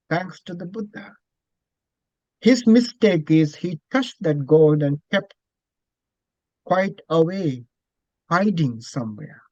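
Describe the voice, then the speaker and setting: Slow, high-voiced monk giving a dharma talk. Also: male voice, a little mellow, dry recording, lo-fi sound. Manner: slow, deliberate, with repeated phrases. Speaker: Buddhist monk teacher.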